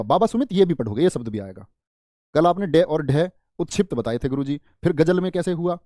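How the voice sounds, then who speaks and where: Male teacher, playful and colloquial, slightly higher voice, dark tone, dry sound. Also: no room sound. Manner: colloquial, playful, addresses viewers as "mera lal" and "bhaiya". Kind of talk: live online Hindi spelling class.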